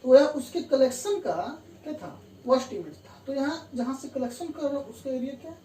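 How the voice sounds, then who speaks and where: Woman grammar teacher, patient step-by-step explainer, mellow tone, far from the mic in a roomy space. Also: high voice, expressive, fairly quick. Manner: explains step by step, repeats key terms and says "theek hai" to check understanding. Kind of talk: classroom lesson explaining grammar rules. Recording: distant roomy mic with faint room hum.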